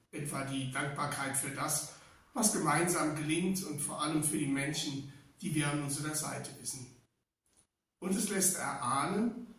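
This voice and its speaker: Male, 60s, town official reading a formal greeting, slightly hoarse, fairly high-pitched, very echoey room. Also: fairly bright tone. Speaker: town official giving a holiday address. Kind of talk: prepared formal address to citizens. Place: small indoor office room. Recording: echoey room, distant microphone.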